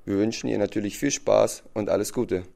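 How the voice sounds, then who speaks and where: A man with a gravelly, fry-laden voice reads a scripted radio segment. His delivery is even and presentational, like a school radio report. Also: on the low side, a little fast, over loud music.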